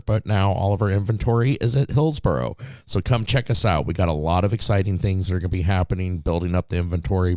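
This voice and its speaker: A man giving a casual sponsor read on a podcast in a laid-back, upbeat pitchman patter. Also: a little mellow, no echo, clean studio sound.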